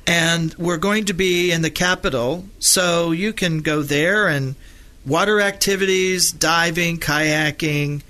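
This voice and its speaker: Bright, higher-voiced man. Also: slow. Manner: rambling, clears throat often. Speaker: radio show co-host. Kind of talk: casual radio travel chat.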